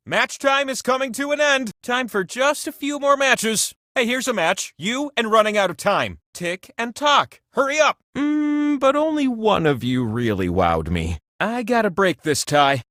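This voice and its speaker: A giant talking wheel running a video game quiz show. The voice is high and swoops all over with boastful, theatrical flair. It teases players playfully in a grand, folksy way, captured very dry and close. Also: male voice, pushed and bright, no echo, full character voice. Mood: showy, generous, then teasing, dismissive. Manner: grandiose, teasing, folksy showmanship.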